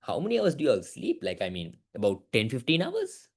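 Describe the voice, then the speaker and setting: A young man teaching an online business class, asking lots of quick questions. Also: medium pitch, breathy edge. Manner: lively, keeps asking "right?", mixes in Sinhala words. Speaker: business studies tutor.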